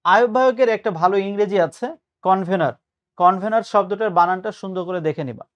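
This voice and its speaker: A man's voice: high voice, fairly quick, muffled recording. A male tutor giving a patient spoken lesson, explaining and mixing in English words. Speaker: admission test tutor.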